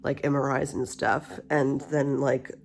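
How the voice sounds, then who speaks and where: A middle-aged woman with an extremely low voice and vocal fry talks a little slowly in a casual personal vlog. A retainer gives her a slight lisp as she chats candidly and ramblingly, with a cool mist humidifier hissing steadily and soft spa music playing faintly.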